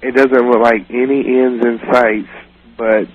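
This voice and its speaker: Quiet male caller over the phone. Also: mid-range voice, flat delivery, measured pace, no room sound. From Las Vegas area. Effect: over the phone, quiet line. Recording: dull lo-fi phone line.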